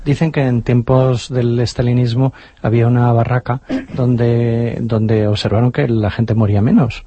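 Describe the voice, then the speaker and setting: A man's voice: mid-range voice, flat delivery, moderate pace, warm tone, husky, no room sound. A man talking on a radio show in a reflective way, with hesitations and fillers. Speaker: guest. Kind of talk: casual radio conversation. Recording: dull lo-fi sound.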